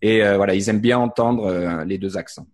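A man from France with a Parisian accent softened by years in Canada, a podcast co-host explaining his setup in casual, pause-filled chat. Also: fairly low pitch. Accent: Parisian French, softened after years in Canada. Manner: relaxed, explanatory, with frequent "euh" pauses.

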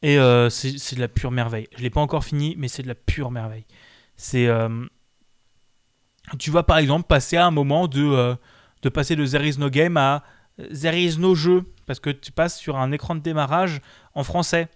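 A man's voice: a little high, fairly even intonation, normal speed, clear, resonant tone, dry recording, clean studio sound. A man co-hosting a casual video game chat, enthusiastic and rambling with fillers. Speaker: game show co-host.

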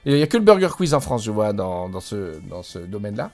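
A man's voice: lowish voice, very animated, fast talker, a little mellow. A man co-hosting a podcast in casual chat, talking enthusiastically with frequent hesitations, recorded over a Skype call. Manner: enthusiastic, hesitant with many fillers. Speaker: podcast co-host.

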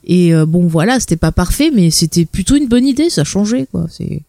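A woman's voice: fairly low pitch, animated, brisk, vocal fry, mellow, no echo, studio quality. A woman from France, co-hosting a podcast and chatting casually and playfully as she recaps a series. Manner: chatty and playful, drifting into playful voices for characters. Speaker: podcast co-host.

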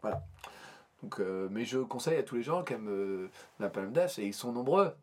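A man's voice: medium pitch, expressive, normal speed, a little mellow. A man co-hosting a casual podcast chat about metal bands, talking in a hesitant, rambling way with many restarts. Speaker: podcast co-host.

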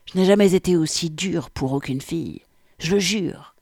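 A woman's voice: fairly low pitch, moderate pace, darkish tone, breathy edge, no echo, studio quality. A woman reading aloud, voicing a brazen young man who talks in a smug, wheedling way. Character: cocky aroused young man pleading.

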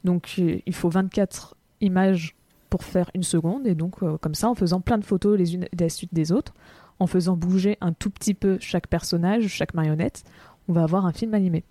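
A woman's voice: on the low side, steady tone, normal speed, warm tone, no echo. A woman co-hosting a casual film podcast, explaining things step by step with many fillers. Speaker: podcast co-host.

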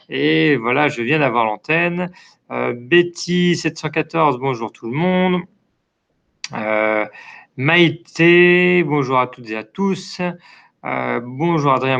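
A French man hosts a casual live chat with his online community, reading out viewer messages and answering each one kindly between frequent "euh" fillers. His voice sits a little high and has a gravelly edge, and his throat sounds dry. The stream audio is dull and lo-fi. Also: a bit bright. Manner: friendly, many hesitations and "euh" fillers.

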